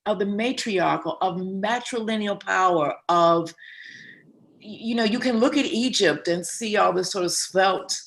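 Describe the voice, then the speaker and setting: A woman's voice: medium pitch, a little slow, creaky. A woman interviewer and playwright asking questions in an enthusiastic, effusive way, often restarting her words. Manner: enthusiastic, effusive, repeating words as she starts. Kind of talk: conversational interview.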